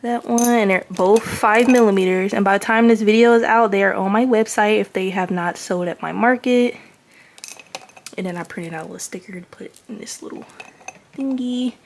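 A woman's voice: mid-range voice, normal speed, slight background noise. A young woman chatting casually in a vlog, showing off things she has made and gushing over them. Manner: gushing, chatty show-and-tell. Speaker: crochet vlogger.

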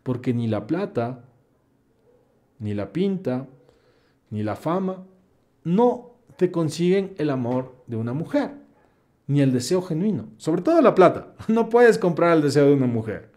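A man's voice: on the high side, big pitch swings, a little slow, pauses often, darkish tone. A young man hosts a live stream. He reads viewers' questions aloud and answers them in a blunt, preachy, slangy way. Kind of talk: live Q&A, reading chat comments aloud.

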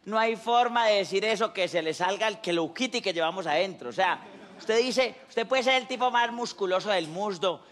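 High-voiced Colombian man doing stand-up. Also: normal speed. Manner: animated, slangy, acting out little scenes. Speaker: stand-up comedian. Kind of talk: stand-up comedy monologue.

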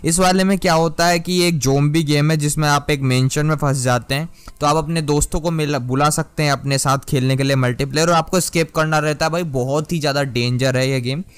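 A man's voice: on the high side, fairly even intonation, brisk, clean tone, no room sound. A man hosting a gaming channel, talking viewers through a mobile game tutorial in a casual, chatty way and calling them guys and brother.

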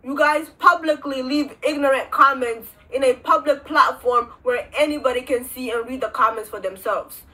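A woman's voice: high-pitched, normal speed, few pauses, bright, forceful tone, rough recording. A young woman from Kenya talking frankly to camera, telling a personal story and giving her opinions in an earnest way. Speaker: vlogger. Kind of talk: direct-to-camera commentary. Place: indoors, small room.

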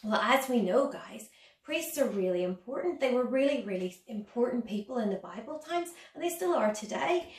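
A woman's voice: on the high side, lively intonation, moderate pace. A woman in her thirties teaching a children's Sunday school lesson, explaining simply and asking her young listeners questions. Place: dining room at home, indoors. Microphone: camera a couple of metres away. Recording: roomy, distant phone-camera recording.

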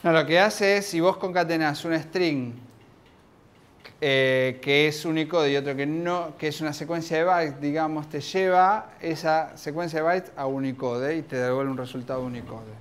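Lively Argentine man giving a tech talk. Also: on the high side, normal speed, clean tone. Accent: Argentine Spanish. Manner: lively, informal, many restarts. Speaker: conference speaker. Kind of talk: technical talk to an audience. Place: conference room.

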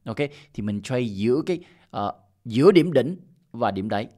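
A man's voice: mid-range voice, lively intonation, moderate pace, a little mellow. A middle-aged man hosting a crypto channel, walking through his screen in loose, casual commentary, with lots of "ok" fillers and restarts. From Vietnam. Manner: loose and repetitive, peppered with "ok" and "à" fillers.

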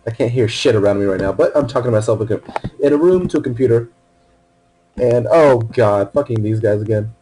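A man playing a video game alone in a room at his computer, wearing headphones, talking to himself with casual commentary, swearing and bursting into sudden excitement. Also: mid-range voice, fairly quick, slight background noise, poor audio. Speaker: let's play gamer.

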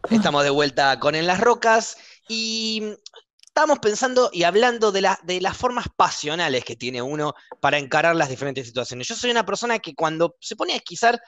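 Young argentine man, podcast host, passionate emphatic delivery, slightly high voice, dry close sound. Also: very animated, fairly quick, fairly bright tone, no echo. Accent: Argentine Spanish. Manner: emphatic and passionate, sounds angry when arguing. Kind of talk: casual podcast chat.

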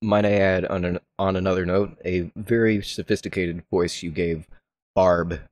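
A guest in a casual chat, animated and exclaiming at characters. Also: deep voice, moderate pace, no room sound, studio quality.

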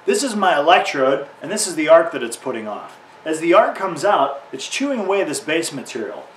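He speaks fairly quickly, his slightly high voice swinging widely in pitch, as he gives an informal welding how-to to camera. The instructor, in his thirties, uses plain words and simple analogies beside a tractor in a garage or workshop. Roomy audio from a distant mic carries faint background noise.

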